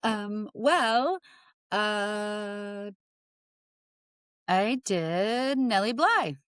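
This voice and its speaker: A woman's voice: mid-range voice, animated, very slow, a bit bright, smooth, dry recording, clean studio sound. A woman co-hosting a podcast in casual chat, rambling and hesitant with many fillers and restarts. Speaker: podcast co-host.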